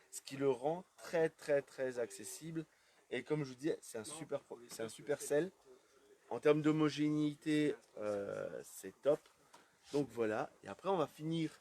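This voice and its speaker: A man's voice: on the high side, darkish tone. A man giving a casual live walkthrough of an aquarium shop, chatting loosely with plenty of fillers as he walks around. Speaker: aquarium shop tour host.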